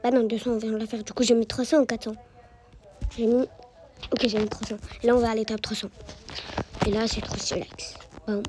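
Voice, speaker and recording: A woman's voice: on the high side, level tone, fairly quick, long pauses, noisy background. A woman giving casual gameplay commentary, chatty and repeating words as she guides the viewer. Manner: chatty, repeats words while guiding the player. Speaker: gaming YouTuber.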